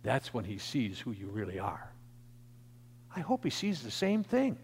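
Male pastor, emphatic sermon, lively pitch, long echo of a church sanctuary. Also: measured pace, a little hiss or hum. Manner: emphatic preaching that swells in volume, then drops to soft.

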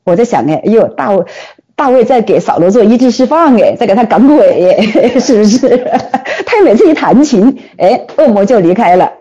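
A woman preacher giving a sermon, telling the story with animated delivery and frequent rhetorical questions. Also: a little high, moderate pace, muffled recording.

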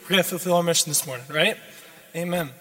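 A young man from Minnesota preaching a sermon in a hoarse voice, earnest and exhorting, with informal check-ins. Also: on the high side, quick pace, fairly bright tone. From United States, Minnesota. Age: young adult. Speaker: guest preacher. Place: large church sanctuary, speaking to a congregation. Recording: reverberant church sanctuary.

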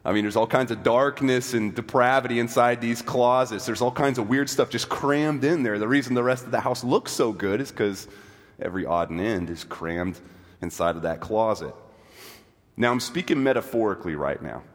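A man preaching a sermon as pastor, his voice hoarse and sick, talking in a conversational, self-deprecating way. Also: medium pitch, moderate pace, in a large hall.

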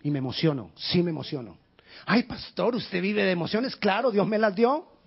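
A male pastor delivers a fervent sermon in a high, husky voice. He climbs to shouted bursts and sinks to hushed, low lines. The recording sounds dull and lo-fi. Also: lively intonation, normal speed. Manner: impassioned, shouting in bursts then dropping low.

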